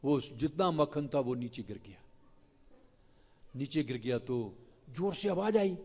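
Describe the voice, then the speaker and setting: A male preacher telling a devotional story in an animated, dramatic way. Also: mid-range voice, unhurried, in a large hall. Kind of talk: storytelling sermon. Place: temple hall.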